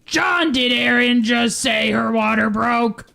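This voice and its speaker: A man voicing a startled, loud older father in a comedic fanfiction reading. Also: very high voice, big pitch swings, unhurried, vocal fry, slightly rough, voice pushed up, heavily acted. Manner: exclaiming, raised voice.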